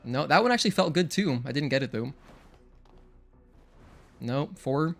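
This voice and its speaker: Speaking at a moderate pace with vocal fry, a young Spanish-first-language streamer chats casually with viewers during a game. His fairly high voice is expressive, and soft music plays in the background. He thinks aloud as he goes and counts combo hits.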